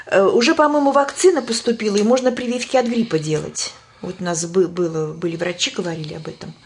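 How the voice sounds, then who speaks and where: An interviewer asking questions in a brisk, chatty way, quick to agree. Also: mid-range voice, fairly even intonation, a little hiss or hum.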